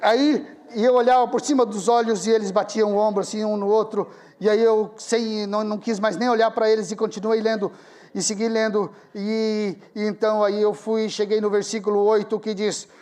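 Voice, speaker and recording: A man's voice: high-pitched, flat delivery, normal speed, a little mellow. A man with a Brazilian Portuguese accent, a pastor preaching a sermon built on a personal story, acting out what each person said with self-deprecating humor.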